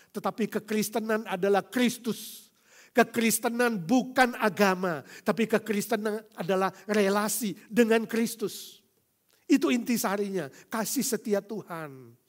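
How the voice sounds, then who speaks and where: A man pastor preaching a sermon, shifting between loud exclaiming and soft, slow pleading, and acting out quoted voices in his stories. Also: on the high side.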